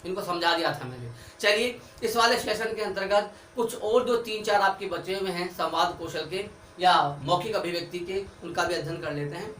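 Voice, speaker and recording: A man with a high-sitting, fairly bright voice teaches an online grammar lesson at normal speed, explaining each step as he writes on a board. He sounds far from the mic in an echoey room, with faint background hiss.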